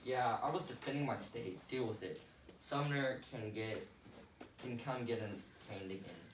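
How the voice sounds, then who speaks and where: A man's voice: mid-range voice, normal speed, close to an everyday voice. A man playing a hot-headed, boastful Southern congressman in a class skit, with a blustering, exaggerated delivery. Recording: echoey room, distant mic, noisy.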